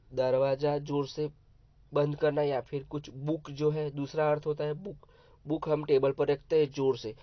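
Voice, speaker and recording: A man teaching a class of young pupils at a slow, patient pace, spelling out each new word before he explains it. His voice sits at a middle pitch. The recording is dull and dry, with no room echo. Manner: spells words letter by letter, then explains. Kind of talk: vocabulary lesson for young pupils.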